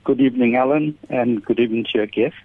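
A man's voice: medium pitch, fast talker, husky, no room sound. A man calling a radio show over the phone, speaking politely as he asks his question. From South Africa. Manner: polite, courteous. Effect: heard over the phone. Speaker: caller. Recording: dry, tinny phone line.

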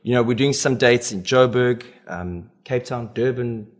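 South african guy being interviewed on radio, chatty and expressive, average pitch. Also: unhurried. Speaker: author guest on a radio show. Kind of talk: casual interview chat.

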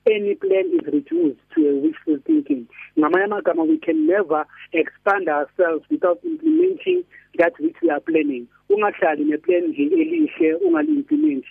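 A man's voice: very high-pitched, very animated, fairly quick, gravelly, no echo. A man with a South African Zulu accent giving a motivational radio sermon as a pastor, teaching point by point over a narrow phone line. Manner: didactic, enumerating points.

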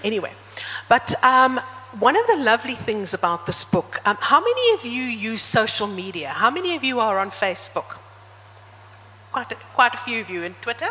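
A woman hosting a book talk, chatting to the audience and speeding up and slowing down as she speaks. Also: a little high, big pitch swings, bright, forceful tone. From South Africa. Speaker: interviewer at a book event. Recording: reverberant hall with faint background noise.

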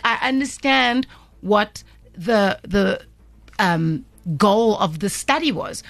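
Woman, South African accent, radio co-host, slightly high pitch, emphatic, casual, bilingual switching. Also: fairly bright tone, dry recording. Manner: emphatic, switches between English and Afrikaans. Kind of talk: casual opinionated radio talk.

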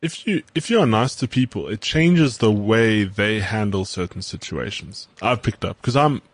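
A man's voice: on the low side, expressive, normal speed, dry recording. A man in a casual chat, earnest, explaining his views with everyday examples and a few stumbling starts.

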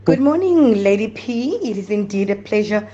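A woman pastor with a South African accent, sending an excited recorded voice note to a radio show, often saying "you know". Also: medium pitch, moderate pace, dull audio. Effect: recorded voice note played on air.

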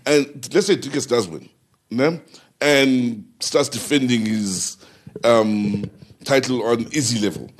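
A man's voice: mid-range voice, slow pace. A man from the Free State with a South African accent, sharing reflective stories on a sports panel. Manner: reflective storytelling. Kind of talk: casual panel discussion.

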